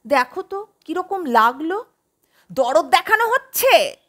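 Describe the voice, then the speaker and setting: A woman's voice: extremely high pitch, very animated, a little slow, full character voice. A woman voicing a stern patient husband. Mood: scolding. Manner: soft, then scolding. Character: patient middle-aged husband, gentle then stern.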